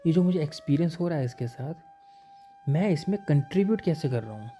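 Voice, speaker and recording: Dark-voiced man giving a slow self-help talk. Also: on the high side, lively intonation, soft background music. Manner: reads English passages slowly, then explains in quick Hindi; repeats key points for emphasis. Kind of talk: motivational talk, reading English lines then explaining in Hindi.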